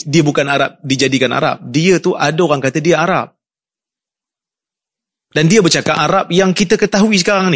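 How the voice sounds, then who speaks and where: Man, slightly high voice, scholarly discussion, measured, firm, repeats for emphasis. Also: fairly bright tone. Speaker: co-presenter at an academic review.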